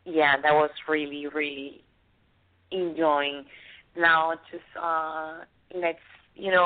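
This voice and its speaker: A woman's voice: deep voice, clear, resonant tone. A woman co-hosting a radio show, talking casually to listeners. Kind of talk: casual sign-off chat. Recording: thin telephone-line sound.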